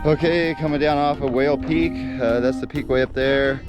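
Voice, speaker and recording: A man's voice: fairly high pitch, steady tone, moderate pace, loud music behind the voice. A man talking casually to his vlog viewers while jogging outdoors on a mountain trail. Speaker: outdoor adventure vlogger.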